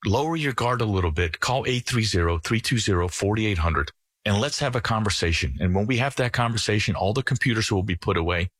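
A middle-aged man from the Netherlands, a financial advisor talking earnestly on a radio show in a folksy sales-pitch manner. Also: fairly bright tone, husky, no room sound.

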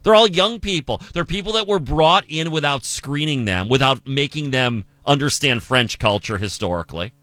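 A man's voice: mid-range voice, lively intonation, normal speed, few pauses, a bit bright, no echo. A man from the United States hosting a political commentary show, talking emphatically and asking rhetorical questions.

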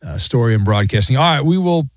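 A man's voice: medium pitch, animated, quick pace. A man hosting a sports radio show with casual, wry, teasing banter.

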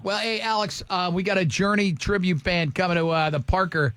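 A man's voice: sits high, fairly even intonation, a little fast, fairly bright tone, no room sound. A man hosting a morning radio show, bantering loosely with a caller and co-hosts, joking and restarting his sentences.

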